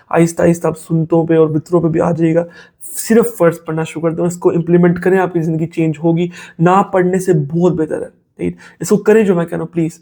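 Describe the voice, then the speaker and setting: मधुर आवाज़ वाला पुरुष वक्ता, पाकिस्तानी उर्दू लहजा. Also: male voice, sits high, gravelly, darkish tone. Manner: conversational, mixes English phrases, asks "make sense?". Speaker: Islamic motivational speaker. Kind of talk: casual spoken advice talk.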